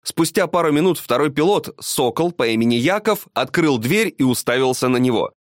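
A man's voice: mid-range voice, a little fast, no echo. Male storybook narrator, dramatic read, dry sound. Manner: expressive, dramatic reading.

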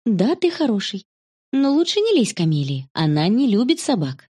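A woman's voice: fairly high pitch, sing-song, normal speed, a little mellow, slightly rough, voice pushed up. A woman voicing a protective, firm teenage older sister in a storybook reading.

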